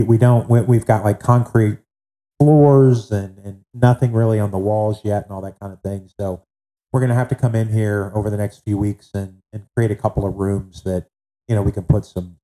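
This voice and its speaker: A man with a low, mellow voice talks in a relaxed, halting way, restarting his sentences as he goes. He is in a bare concrete basement office, and his voice bounces around as if he were in a cave. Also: low-quality recording. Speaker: returning podcast co-host. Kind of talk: casual chat.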